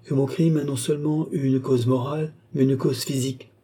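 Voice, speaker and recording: A man's voice: medium pitch, steady tone, brisk, dark tone, slightly rough, pitched above the performer's own voice, close to an everyday voice. A man reading as an earnest ragged young man. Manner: earnest, pleading yet determined. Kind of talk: audiobook reading.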